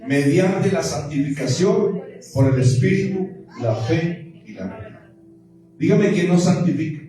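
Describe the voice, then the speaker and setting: A man's voice: a little high, dark tone, slight background noise. A man preaching a fervent sermon, calling on the congregation to repeat his words. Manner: fervent, call-and-response with congregation. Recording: echoey distant church room recording.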